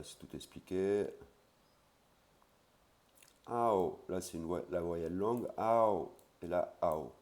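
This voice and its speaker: A man teaching a language lesson in a casual way. He says each Thai word slowly and clearly, then explains it with fillers like "hein" and "voilà". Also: low voice, warm tone.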